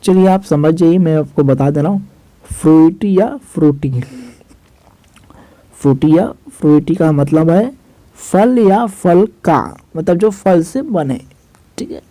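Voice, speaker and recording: A young man teaches English vocabulary, spelling each word letter by letter, restating its meaning, and speaking to viewers as "guys." His mellow voice sits on the high side, a little slow and with long pauses. There's no echo, though the recording is rough.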